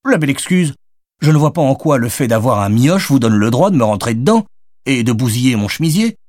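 A man voicing an exasperated, sharp-tongued young woman in an audiobook, with cutting indignant retorts. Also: mid-range voice, big pitch swings, fairly quick, no echo, studio quality, voice pushed up, close to an everyday voice.

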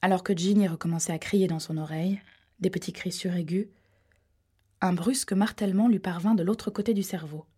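Hushed breathy woman narrating. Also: fairly low pitch, steady tone, a little fast. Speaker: audiobook narrator. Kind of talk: audiobook narration.

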